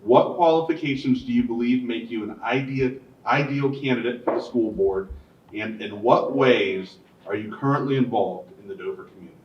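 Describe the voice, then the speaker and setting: A man's voice: mid-range voice, moderate pace. A man reads forum questions in a plain, businesslike way. He is heard from a distance in a roomy, echoing space. The sound is dull and muffled. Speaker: forum moderator. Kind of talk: reading questions aloud. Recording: echoey room from far off, dull sound.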